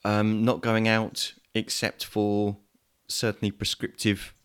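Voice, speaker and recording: Low-voiced hesitant English man. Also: monotone, slow, a bit bright, clean tone. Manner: hesitant, lots of ums and restarts. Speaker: podcast host. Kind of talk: casual chat. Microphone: video call.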